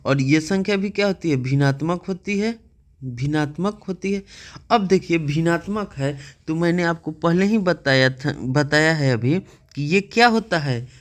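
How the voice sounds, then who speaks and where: A male math teacher with a slightly high voice. He walks through a lesson patiently, asking questions and checking in with a frequent "okay". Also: animated, normal speed.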